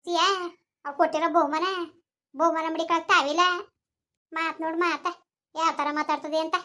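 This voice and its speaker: Woman as a quarrelsome mother, high bright voice. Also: flat delivery, moderate pace, slight background noise. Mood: angry scolding. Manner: scolding, shouting threats. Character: angry village mother, sharp-tongued. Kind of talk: village comedy skit acting.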